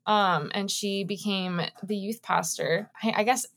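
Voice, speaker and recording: A woman's voice: mid-range voice, steady tone, a little slow, fairly bright tone. A woman in her thirties co-hosting a podcast, chatting casually and informally in a rambling way as she introduces a guest. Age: 30s. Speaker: podcast co-host.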